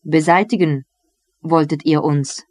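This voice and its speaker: A reader voicing a ruthless, mocking medieval lord who gives cruel commands, in a slow literary reading. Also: mid-range voice, steady tone, darkish tone, no echo, lightly acted. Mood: accusing. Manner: scornful, commanding.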